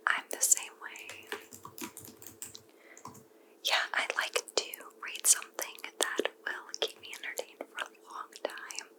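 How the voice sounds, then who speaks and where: A woman speaks in a hushed library whisper, very slowly and gently. It is a whispered role-play in which she is a helpful librarian, with pauses and halting phrasing. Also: rough recording. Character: helpful goth librarian recommending books. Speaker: librarian in a point-of-view roleplay.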